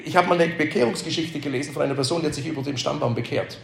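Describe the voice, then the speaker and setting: A man's voice: on the high side, rapid-fire, gravelly, a little hiss or hum. A man teaching a Bible lesson to a live group, asking them questions and repeating their answers, with emphatic repetitions. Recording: echoey room.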